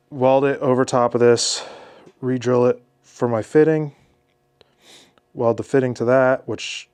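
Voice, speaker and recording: With a mid-range, slightly mellow voice, a man stuffed up from a head cold films his car build in a cluttered home garage. His how-to narration is laid-back, and he thinks aloud, restarting sentences as he goes.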